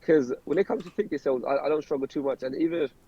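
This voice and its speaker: A young man talks about boxing at a quick pace, tripping over repeated words. His voice is dark and husky. The recording sounds dull and lo-fi. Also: fairly high pitch. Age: 20s. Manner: fast, rambling, repeats words when starting sentences. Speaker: professional boxer, interview guest. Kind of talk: casual interview chat.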